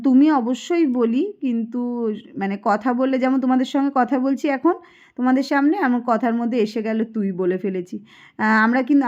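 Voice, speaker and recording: A Kolkata woman in her thirties, a vlogger with a Kolkata Bengali accent, chats homely and casually to viewers while doing chores indoors, giving running commentary. Her voice is fairly high and a little mellow, with the highs cut off.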